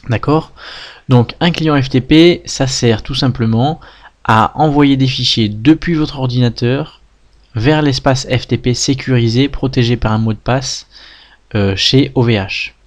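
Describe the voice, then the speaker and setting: Patient man explaining software steps. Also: medium pitch, measured pace. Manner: patient step-by-step explaining, frequent "d'accord?" checks. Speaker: web tutorial instructor. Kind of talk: screen-recorded software tutorial.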